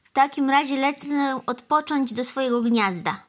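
A fussy, greedy male crow from a children's storybook, squawking "kra" and firing off brisk, evasive retorts, as a woman reads him. His voice is pitched very high, above a plain speaking voice. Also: a bit bright.

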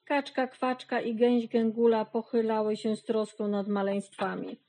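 A woman narrating a children's storybook in a gentle, measured way. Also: on the high side, flat delivery.

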